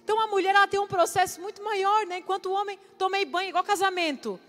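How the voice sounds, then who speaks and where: A woman, preaching to a church women's audience in a chatty, lively way. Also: very high-pitched, fast talker. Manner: lively, chatty, acts out quotes. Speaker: women's ministry speaker. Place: church hall. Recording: live church hall with music underneath.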